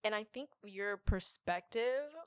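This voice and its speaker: A woman's voice: mid-range voice, animated, takes it slowly, clear, resonant tone, no room sound, studio quality. A woman hosting a podcast, chatting casually and affirming her guest. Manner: warm, affirming, laughs along with guest. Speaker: podcast host. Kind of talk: casual interview chat.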